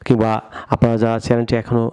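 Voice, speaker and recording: A man's voice: mid-range voice, monotone, fast, warm tone, clear, resonant tone. A man from Bangladesh teaching an online English vocabulary lesson, often addressing viewers and repeating words for them to drill.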